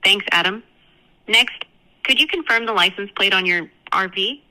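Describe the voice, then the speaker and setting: A woman's voice: medium pitch, moderate pace, bright, forceful tone, low-quality recording. AI receptionist woman heard over speakerphone. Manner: polite scripted customer-service phrasing. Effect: heard through a phone on speakerphone. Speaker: AI phone receptionist. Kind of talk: booking call.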